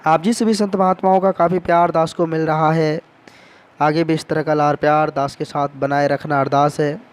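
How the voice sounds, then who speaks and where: Man, devotional sermon, storytelling, fairly high voice, respectful address to listeners. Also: flat delivery, moderate pace. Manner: repeatedly addresses the congregation respectfully. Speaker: devotional speaker.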